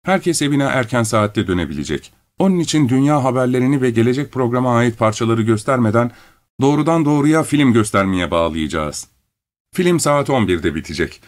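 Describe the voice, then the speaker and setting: A man's voice: medium pitch, natural voice. A man reading a formal middle-aged cinema manager making a public announcement in a storybook.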